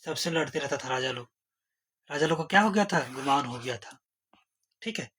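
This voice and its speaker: A man's voice: a little high, normal speed. A man teaching an exam-prep lesson, asking rhetorical questions and using playful memory tricks. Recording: noisy recording. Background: steady background noise.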